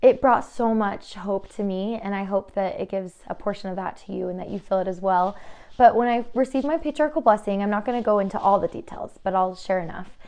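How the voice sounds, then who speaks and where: A woman's voice: medium pitch, brisk, darkish tone. A young adult woman chatting in a bubbly way on her home vlog, sharing faith stories and crafts. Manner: bubbly and chatty, with frequent "like" and laughs. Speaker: vlogger. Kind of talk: casual faith-based vlog chat. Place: new family home.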